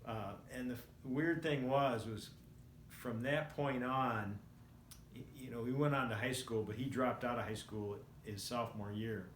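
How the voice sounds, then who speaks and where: A roomy, echoing recording with faint noise carries the voice of a man in his sixties. He speaks at an average pitch in a casual vlog style. His delivery is reflective and rambling, with halting stops as he gathers his thoughts. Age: 60s. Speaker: vlogger. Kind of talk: casual personal storytelling to camera.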